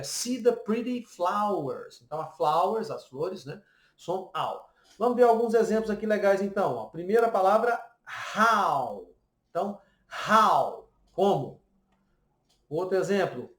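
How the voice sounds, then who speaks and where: A high-voiced Brazilian man, recorded with reverb, gives a pronunciation lesson in English with a Brazilian Portuguese accent. His explanations are patient, and he often checks in using "né?" and "ok?".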